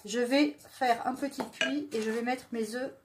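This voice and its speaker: A woman's voice: on the high side, steady tone, moderate pace, heavy background noise. A woman from southwest France, hosting a chatty home cooking demonstration in her kitchen. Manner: chatty, joking, talks while stirring. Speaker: home cooking video host.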